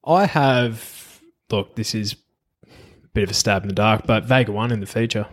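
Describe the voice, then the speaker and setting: Australian man, slightly low voice, racing chat. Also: moderate pace. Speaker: racing tipster and co-host. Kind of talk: casual horse racing tips chat.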